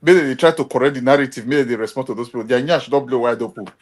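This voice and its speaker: A man's voice: mid-range voice, fairly even intonation, fast talker. A Nigerian man on a livestream, chatty and gossipy, leaning into Pidgin. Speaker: livestream guest.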